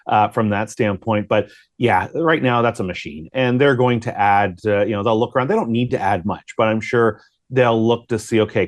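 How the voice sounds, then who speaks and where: With a lowish voice and no room sound, a man provides casual hockey analysis as a guest on a broadcast. He keeps thinking aloud, asking himself rhetorical questions.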